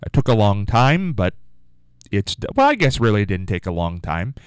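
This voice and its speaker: On the low side and full of big pitch swings, this man speaks at a normal speed in a smooth voice. He hosts a morning call-in show from a radio studio, rambling and musing casually while asking listeners to call. The sound is clean studio audio from a studio microphone, with no room sound.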